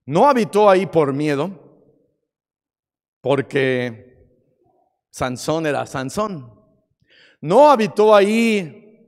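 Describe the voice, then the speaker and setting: A man preaching a sermon in a church, acting out scenes dramatically and swinging from shouts to quiet. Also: fairly high pitch. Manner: dramatic, acts out stories, shifts from shouting to quiet. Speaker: pastor. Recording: long hall reverb.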